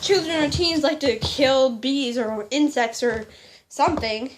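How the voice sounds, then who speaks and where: A woman's voice: high voice, measured pace, a little hiss or hum. A teenage girl telling a rambling, indignant story in a casual vlog. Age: teens. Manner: rambling, indignant, with quoted exchanges. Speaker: vlogger.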